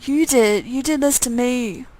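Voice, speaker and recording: A woman's voice: high-pitched, unhurried, a little mellow, no room sound. A woman voicing a sardonic, hungry young brother. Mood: mocking. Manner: sarcastic, grumbling, menacing.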